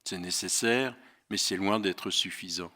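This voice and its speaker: A man's voice: low voice, unhurried, bright, forceful tone. An older man gives a public lecture, talking thoughtfully with many fillers and a dry sense of humor. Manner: thoughtful, hesitant with frequent fillers, wry humor. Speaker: guest lecturer. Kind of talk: public lecture, paraphrased from notes. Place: auditorium. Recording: reverberant auditorium.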